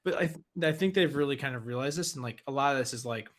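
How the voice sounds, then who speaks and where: A man's voice: mid-range voice, fast. A man co-hosting a gaming podcast in casual chat, rambling with lots of "like" and "you know". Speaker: podcast co-host.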